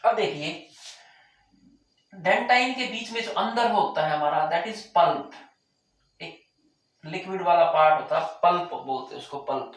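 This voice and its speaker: A man teaching a lesson, repeating key terms and asking the class whether it is clear, with a sore throat that keeps making him clear it. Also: fairly high pitch, a little slow, pauses often. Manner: repeats key terms, asks rhetorical check questions. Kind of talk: classroom lecture. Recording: very echoey room, mic far off.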